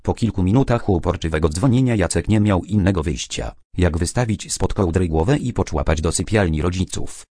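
A man narrating children's stories and poems aloud in a clear, even storytelling manner. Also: deep voice, a little fast, few pauses, dry recording, clean studio sound.

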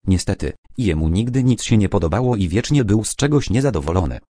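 A man narrating children's stories and poems aloud in a clear, even storytelling manner. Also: lowish voice, brisk, no echo, studio quality.

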